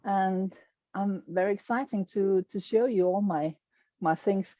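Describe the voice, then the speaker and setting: In hesitant, Danish-accented English, a middle-aged woman from Denmark shows her quilts to an online audience and often hunts for words. Her medium-pitched voice is dark-toned and a little slow, on a muffled recording with no echo.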